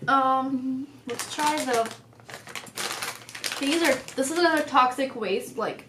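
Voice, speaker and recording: A young woman with a high-pitched voice chats casually as a vlog co-host. She is in a roomy-sounding home space with faint noise behind her. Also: slow pace. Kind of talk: casual chat. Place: indoor home dining room. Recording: echoey room with faint noise.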